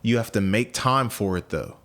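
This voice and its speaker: His voice is on the low side, a bit bright and expressive, moving at normal speed. He's an American in his late twenties hosting a casual podcast, musing aloud with frequent repeats and restarts.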